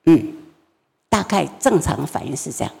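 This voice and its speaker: Gravelly older woman teaching. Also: on the low side, fast, in a large hall. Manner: lively, acts out family scenes. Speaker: guest teacher.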